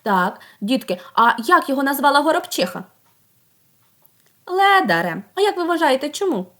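A woman teaching a group of young children, asking coaxing questions, praising them and sounding out words slowly. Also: high voice, sing-song, a bit bright. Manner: slow, drawn-out sounding out of words. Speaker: preschool teacher.

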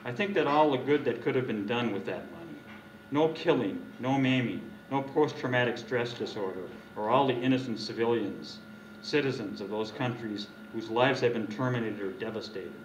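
An older man reads his poem into a stand mic at an open mic night, earnest and indignant, sometimes halting and restarting. The sound is roomy and heard from a distance, with a dull, muffled tone and faint room noise behind him. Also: mid-range voice. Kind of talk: poetry reading. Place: dark stage of a small venue. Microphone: stand mic, recorded from a distance.

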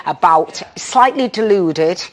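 A woman's voice: fairly low pitch, lively intonation, slow pace. A woman chatting as a studio guest, blunt and frank. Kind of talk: casual chat. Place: TV studio with audience.

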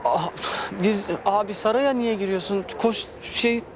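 A man's voice: high-pitched, a little slow, background noise. A young adult man playing an exasperated guy stuck in a friend's dream, complaining and pleading. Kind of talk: sitcom acting.

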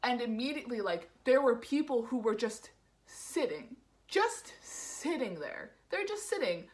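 A young woman with a somewhat high-pitched voice tells a story in a casual vlog. She rambles and leans on the filler "like" as she goes. Her delivery is loose and conversational. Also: big pitch swings, unhurried. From New York area, USA. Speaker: vlogger.

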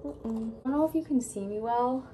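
A woman's voice: on the high side, dark tone. Chatty young woman vlogging on a phone. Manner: chatty, upbeat, quick asides to camera. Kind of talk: casual vlog chat. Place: beach outdoors and home rooms. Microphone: handheld phone camera at arm's length. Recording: noisy phone recording.

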